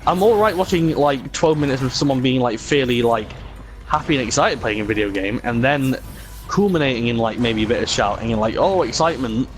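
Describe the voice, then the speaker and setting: Male gamer, mid-pitched voice, loose sweary rambling with mocking impressions, clear music behind him. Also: animated, fairly quick. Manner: sweary, frequently mimics others mockingly. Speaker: video game streamer. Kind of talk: casual rambling chat while gaming.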